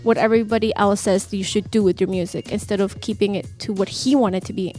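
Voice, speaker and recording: A woman appears as a guest on a radio interview, speaking earnestly and reflectively about coaching music artists and laughing readily when teased. Her medium-pitched voice is a little mellow, fast, and fairly even in intonation.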